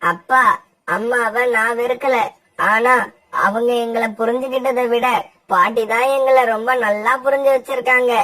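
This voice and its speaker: A woman's voice: a little high, steady tone, moderate pace, a bit bright, distant mic. A woman voicing an earnest, stubborn eldest child bird in a cartoon, insisting firmly. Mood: insistent.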